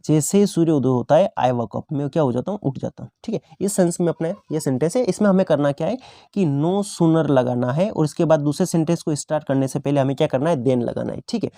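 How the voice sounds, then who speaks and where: Male tutor, exam-prep grammar lesson, slightly high and mellow, dry close recording. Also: dry recording. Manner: repetitive teacher's questions and answers, slows down on English examples. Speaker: English teacher.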